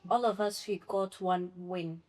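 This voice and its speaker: A woman's voice: on the low side, fairly even intonation, measured pace, a little mellow. A woman telling a personal story on a panel in an earnest way, quoting the people involved as she goes. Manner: earnest, storytelling, quotes others. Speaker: former trades student.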